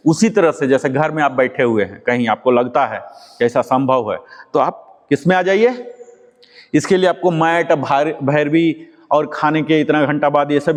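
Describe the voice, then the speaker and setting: A man leading a yoga class, giving patient step-by-step instructions and quizzing his students. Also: fairly high pitch. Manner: patient, repeats key words and quizzes students. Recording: long hall reverb.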